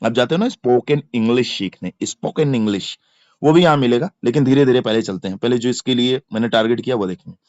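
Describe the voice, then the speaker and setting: A man's voice: mid-range voice, fast talker, a little mellow, no echo, dull audio. A man with an Indian accent teaching English grammar in a lesson for exam preparation, explaining in Hindi and drilling verb forms by repeating and spelling them aloud. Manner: repetitive chanting of word forms, spelling letters aloud.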